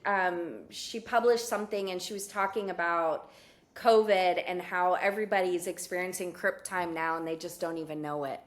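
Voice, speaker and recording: A woman's voice: on the low side, fairly even intonation, normal speed. A woman from California, a professor talking as a podcast guest in a casual, rambling way, filling her speech with "like" and "you know, right?". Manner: chatty and digressive, full of "like" and "you know, right?".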